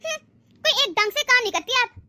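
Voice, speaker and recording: A bossy spiteful cartoon daughter, super high and bright, talks fast and snappy. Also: female voice, lively intonation, dry recording, heavily acted. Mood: scolding. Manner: scolding, taunting, demanding. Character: sharp-tongued grown daughter, bossy and spiteful. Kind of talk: Hindi cartoon voice acting.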